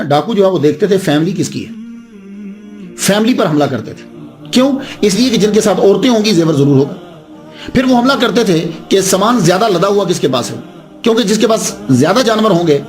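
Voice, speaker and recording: A male preacher tells a religious story in a high voice. He delivers it dramatically, with swooping, animated pitch. Faint music runs underneath. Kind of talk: storytelling sermon.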